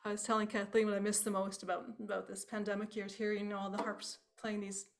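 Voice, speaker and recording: A woman's voice: mid-range voice, flat delivery, quick pace, a little hiss or hum. A woman teaching a harp workshop over a video call, chatty and conversational, quizzing her class with little tag questions as she goes. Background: harp playing.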